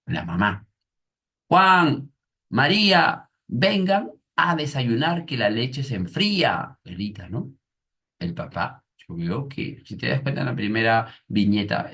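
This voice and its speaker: A man's voice: low voice, husky. A man teaching an online lesson, reading a comic aloud and explaining it step by step with frequent tag questions.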